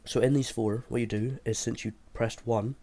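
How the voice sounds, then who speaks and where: A medium-pitched, warm male voice at normal speed, with fairly even intonation, belongs to a video creator explaining his game build. He sounds unwell and thinks aloud in a casual, hesitant tutorial. Mouse and keyboard clicks ride over clear background noise.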